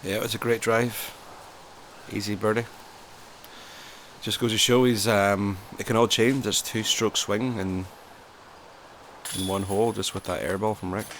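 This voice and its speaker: Lowish male golf commentator. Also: steady tone, a little slow, long pauses, fairly bright tone, a little hiss or hum. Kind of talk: golf-style commentary, conversational.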